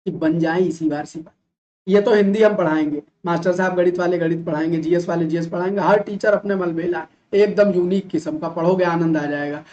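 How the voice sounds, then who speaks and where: A male teacher from Uttar Pradesh giving an animated classroom lecture, full of rhetorical questions and mock imitations of students. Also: sits high, muffled recording, a little hiss or hum. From Uttar Pradesh, India.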